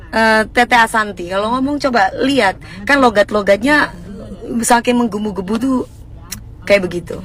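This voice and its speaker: A woman's voice: mid-range voice, fairly bright tone. A woman in her thirties with an East Javanese accent, chatting casually and emphatically with viewers on a livestream. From East Java, Indonesia. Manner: emphatic, fiery and fast, self-described as fervent. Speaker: livestream host answering viewers.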